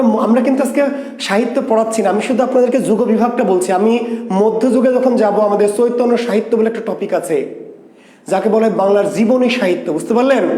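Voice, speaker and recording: A man teaching an exam prep class online, who repeats key terms slowly and asks and answers his own questions. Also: high voice, warm tone, reverberant.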